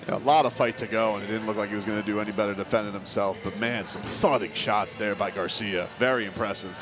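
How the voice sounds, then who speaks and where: A man's voice: on the low side, fairly even intonation, fast talker, a crowd in the background. A man calling a boxing broadcast as play-by-play commentator, summing up and handing over. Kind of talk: live sports broadcast commentary.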